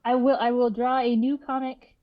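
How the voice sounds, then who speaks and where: Woman guest on a podcast, higher voice, laughs easily, dull dry remote audio. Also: flat delivery, moderate pace, no room sound. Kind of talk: casual conversational podcast.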